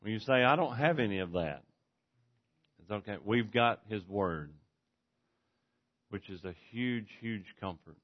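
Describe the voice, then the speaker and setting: A man preaching a sermon in an earnest manner, swinging between forceful and hushed delivery. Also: on the low side, animated, measured pace, pauses often. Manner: earnest, varies volume widely, from forceful to hushed. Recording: dull lo-fi recording.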